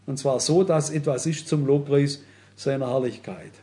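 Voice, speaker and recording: A man's voice: medium pitch, steady tone, normal speed, warm tone. A man preaching a sermon, earnestly addressing his listeners and often turning to them directly.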